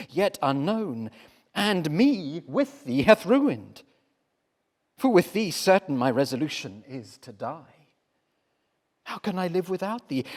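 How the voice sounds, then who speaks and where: A man voicing Adam, the first man, devoted and torn, in an impassioned dramatic verse reading that swings from hushed to loud. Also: on the high side, heavily acted. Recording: long hall reverb.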